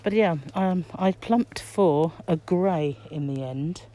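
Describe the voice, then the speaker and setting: A middle-aged British woman who makes crochet vlogs muses aloud in a shop aisle, her fairly low, warm voice muffled by a face mask and her pace slow. It's a casual shopping vlog with chatty commentary, filmed on a handheld phone from behind the camera. Shop ambience and background noise are audible.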